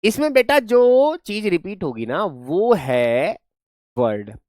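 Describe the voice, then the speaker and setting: A man's voice: sits high, slow, no echo, clean studio sound. A man teaching a grammar lesson, encouraging the class, repeating sounds again and again and praising answers. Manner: lively, encouraging, drills sounds by repeating them.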